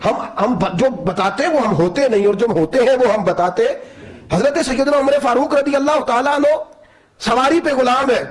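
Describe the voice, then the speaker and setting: A man giving an emotional sermon, telling stories dramatically and acting out the people in them, rising to near-shouts at the peaks. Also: high-pitched. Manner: dramatic, acts out quoted voices, rises to near-shouting peaks. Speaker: preacher. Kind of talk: emotional Urdu sermon with storytelling.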